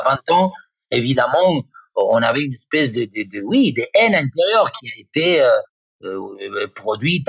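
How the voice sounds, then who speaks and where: A man's voice: mid-range voice, fairly bright tone, husky, dry recording. A man in his fifties with an Argentine accent, a native Spanish speaker, talks football as a guest pundit. He hesitates often, restarting phrases and filling gaps as he searches for words. The recording is dull and lo-fi, with a dry, close sound. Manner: hesitant, many fillers and restarts. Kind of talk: radio football talk.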